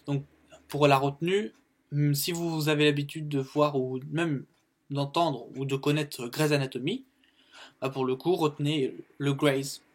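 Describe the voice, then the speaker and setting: A man's voice: on the high side, steady tone. A French-speaking man teaching colour words in a casual video lesson, repeating each word and using plenty of fillers. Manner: explains slowly, repeats words, many fillers. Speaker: YouTube English teacher.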